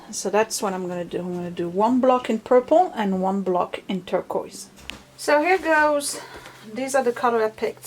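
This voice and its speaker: A woman who hosts a quilting video series chats casually through a tutorial, drifting into self-deprecating asides as she explains. Her mid-range voice is a little mellow, and the poor audio carries a faint hiss or hum.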